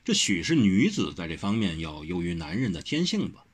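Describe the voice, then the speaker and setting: A man narrating a martial-arts novel as an audiobook, with expressive storytelling. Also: low-pitched, fairly quick, husky.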